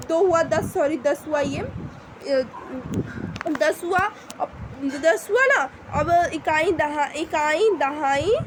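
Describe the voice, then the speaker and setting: A woman's voice: high voice, noisy background. A woman teaching a math worksheet, repeating points, correcting herself and checking in with her students. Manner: repetitive, checks with "ठीक है", self-correcting. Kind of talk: casual classroom-style lesson. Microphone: screen recorder voice-over.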